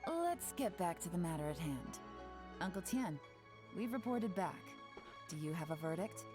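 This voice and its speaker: A woman voicing a composed intelligence chief in a video game, speaking calmly and with quiet authority over faint game music. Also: lowish voice, normal speed. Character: cool-headed woman spymaster giving orders. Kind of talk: game voice acting.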